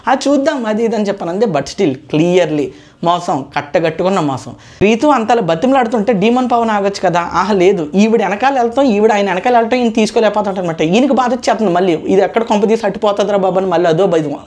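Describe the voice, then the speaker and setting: A woman's voice: mid-range voice, animated, fast, a little mellow. A woman chatting casually through a reality show episode review, re-enacting contestants' lines as she goes.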